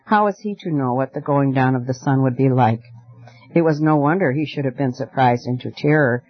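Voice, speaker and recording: A man's voice: medium pitch, a little fast, no room sound. Man narrating a storybook, dry lo-fi. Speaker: audiobook narrator. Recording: dry, dull lo-fi recording.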